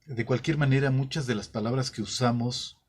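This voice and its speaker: A man's voice: mid-range voice, steady tone, brisk, darkish tone. A man with a Mexican accent talks through his ideas at an easy pace, in a mid-range voice. He stops often to rephrase, leaning on fillers and small restarts as he thinks aloud. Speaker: channel host. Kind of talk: casual explanatory talk.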